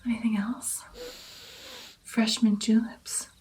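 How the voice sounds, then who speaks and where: A woman playing a gentle vampire mentor in an ASMR roleplay, soft, breathy and mostly whispered, coaxing and encouraging her pupil with pauses. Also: fairly high pitch, little pitch movement. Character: gentle female vampire patiently training her new darkling. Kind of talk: ASMR personal attention roleplay.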